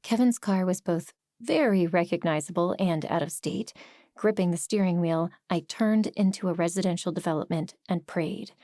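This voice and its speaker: A woman narrating a first-person cozy mystery novel, brisk and expressive, sometimes dropping to breathy whispers. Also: on the low side, dry recording, clean studio sound. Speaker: audiobook narrator.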